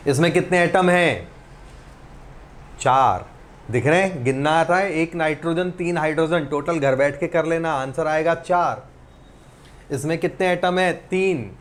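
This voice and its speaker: Man teaching chemistry, high voice. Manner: asks students questions and answers them himself; reads lists of elements slowly, one by one. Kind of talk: recorded classroom lesson.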